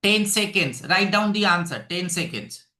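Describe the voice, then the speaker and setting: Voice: medium pitch, lively intonation, normal speed, sharp tone. A teacher with a North Indian accent giving a live exam-prep lesson, instructing students and repeating short phrases and check words. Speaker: online English grammar teacher.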